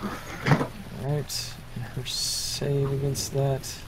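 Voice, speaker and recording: Over background noise, a man running a tabletop RPG narrates the action with lots of fillers, pauses, and restarts. He speaks at a medium pitch in a level tone.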